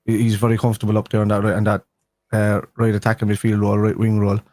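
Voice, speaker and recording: A day after having a tooth out, a Liverpool-accented co-host of a football fan live stream rambles very fast in a fairly low, completely flat, slightly mellow voice with no room sound. He talks casually, restarting frequently.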